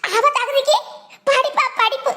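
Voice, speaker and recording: A woman's voice: very high voice, steady tone, moderate pace, bright, forceful tone. A woman voicing a stubborn, emotional village mother in a cartoon, speaking with a Ramanathapuram Tamil accent and pleading through repetition. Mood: indignant. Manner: pleading, emotional, repeats herself. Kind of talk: cartoon voice acting.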